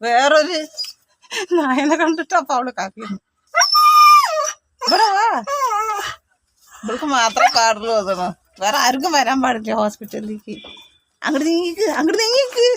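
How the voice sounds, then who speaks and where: A woman's voice: a little high, expressive, a little fast, no room sound, low-quality recording. A woman, vlogging on a phone at a veterinary hospital and coaxing her dog in sing-song baby talk. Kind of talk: casual pet-talk vlog. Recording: loud background noise, dogs and traffic.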